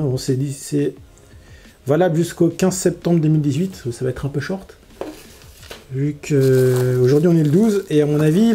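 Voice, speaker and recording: A man's voice: high-pitched, dark tone, a little hiss or hum. Stuffy-nosed Parisian man chatting. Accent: Parisian French. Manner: chatty, hesitant with many restarts and fillers. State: blocked nose from a cold. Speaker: FPV drone YouTuber. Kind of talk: casual build vlog.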